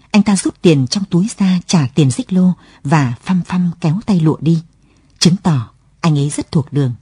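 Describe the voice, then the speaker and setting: A woman narrating a story in a calm, measured way. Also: deep voice, slightly rough, no echo, studio quality. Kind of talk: scripted narration. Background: faint music.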